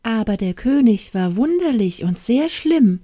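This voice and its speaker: A woman voicing an old hen in a fairy tale reading, pleading at first and then confiding in a gossipy, sometimes hushed way. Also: fairly high pitch, animated, measured pace, dry recording, clean studio sound, pitched above the performer's own voice. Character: old hen, pleading then chatty nurse who tells secrets.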